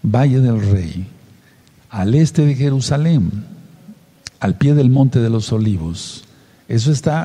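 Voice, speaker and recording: A man's voice: mid-range voice, warm tone, breathy edge, in a large hall. A man leading a Bible study, reading scripture aloud and stopping to explain it and question his listeners. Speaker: Bible teacher.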